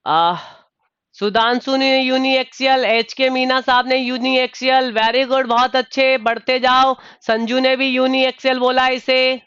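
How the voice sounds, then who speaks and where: High, smooth-voiced male tutor. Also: steady tone, a little slow, fairly bright tone, dry recording, dull audio. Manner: calls on students by name and says "dear"; repeats questions patiently. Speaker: online exam tutor. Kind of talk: live online engineering lecture.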